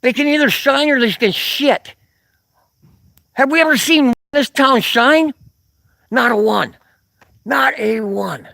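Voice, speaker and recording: A man's voice: very high-pitched, slow, gravelly, long pauses, sharp tone, no room sound. A man livestreaming outdoors from a street corner with a handheld camera, ranting angrily and profanely between sarcastic chuckles while reading chat comments. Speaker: livestreamer filming local police. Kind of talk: live-streamed rant reading chat comments.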